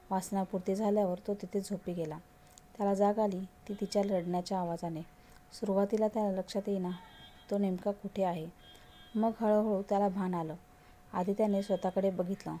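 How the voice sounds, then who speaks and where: A woman storyteller reading a story aloud in a measured, even manner. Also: medium pitch, slight background noise. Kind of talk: read-aloud story narration.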